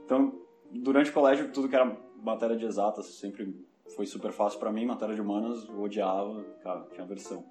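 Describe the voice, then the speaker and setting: A young man from São Paulo with a Paulista Brazilian Portuguese accent reflects as a guest in a casual podcast interview, often restarting and correcting his sentences. His fairly low voice is steady, fast, a little mellow, and has few pauses. The recording has a roomy echo and soft background music.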